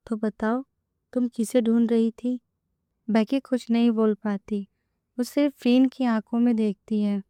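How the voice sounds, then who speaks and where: Woman narrating a romance story, smooth voice. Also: fairly high pitch, mellow, dry recording.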